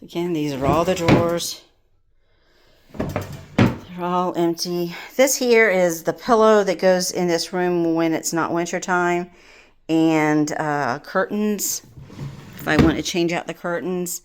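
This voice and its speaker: Chatty woman with a lowish voice. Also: unhurried, noisy background. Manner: chatty, filler-heavy, encouraging. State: slightly winded. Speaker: vlogger. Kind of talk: casual home vlog walkthrough. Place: home bedroom, indoors.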